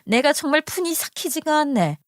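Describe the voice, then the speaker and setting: Snobbish middle-aged mother-in-law, read by a woman; scornful and bossy storybook villain, somewhat high voice, dry close sound. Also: sing-song, brisk, no room sound. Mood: scolding.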